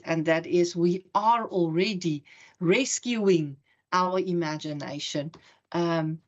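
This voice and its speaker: A middle-aged woman giving an academic conference talk to an audience in a room, telling a story and slowing down to stress key words. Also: on the low side, lo-fi sound. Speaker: conference speaker.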